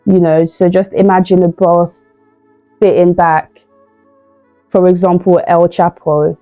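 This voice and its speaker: A woman's voice: fairly low pitch, level tone, unhurried, no echo, soft background music. A young woman giving informal advice, casual and repetitive with many fillers. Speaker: youth crime-prevention speaker. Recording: tinny phone-like sound, dry.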